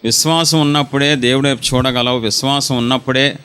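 A man's voice: medium pitch, steady tone, brisk, fairly bright tone, clear, resonant tone. A man preaching a sermon, emphatic and full of rhetorical questions, acting out short quoted voices.

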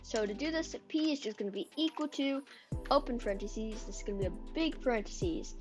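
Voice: medium pitch, animated, brisk, music in the background. A young woman giving a casual step-by-step coding tutorial, dictating code aloud symbol by symbol. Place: indoor room at a computer.

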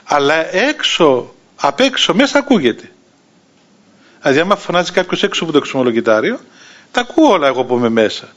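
A man in his sixties with a Cypriot Greek accent delivers a storytelling sermon as an Orthodox bishop. His slightly high voice leaps up and down as he acts out the people in his story, with a chuckle now and then. The recording is dull and lo-fi. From Cyprus. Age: 60s. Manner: lively anecdotal telling, acting out quoted voices, chuckling.

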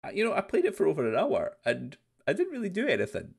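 A man's voice: sits high, huge pitch swings, fast talker, creaky, slightly rough. A man giving casual let's-play commentary, rambling and thinking aloud with the odd swear word. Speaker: game streamer.

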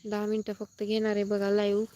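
A woman's voice: mid-range voice, completely flat delivery, fairly quick, warm tone, a little hiss or hum. A woman hosting a casual live stream outdoors in a farm field, chatting with viewers and thanking them for comments as she heads home. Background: crickets and insects outdoors.

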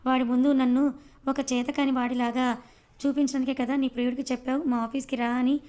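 A woman's voice: high-pitched, little pitch movement, fairly quick, a little mellow, natural voice. A woman voicing an angry, domineering young husband and boss who scolds harshly, in a storybook reading. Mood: scolding.

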